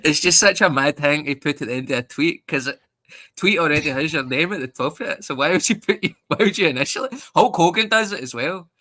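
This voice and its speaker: A Scottish man in his thirties, a comedian chatting in a casual interview, animated and sweary, acting out other people's voices as he tells stories. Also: a little high, brisk. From Scotland. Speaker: stand-up comedian guest.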